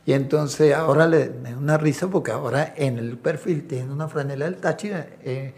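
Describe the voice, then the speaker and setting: A fairly high, brisk, creaky voice comes from a middle-aged man who is an assistant coach and video analyst. Chatting in an informal interview, he tells anecdotes animatedly and acts out quoted voices.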